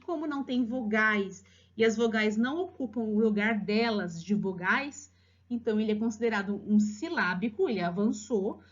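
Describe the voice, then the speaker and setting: A woman with a Brazilian accent explaining children's writing levels to parents as a teacher, stretching words slowly syllable by syllable. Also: fairly high pitch. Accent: Brazilian Portuguese. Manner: lively, drawn-out slow spelling of syllables. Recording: slightly dull lo-fi recording.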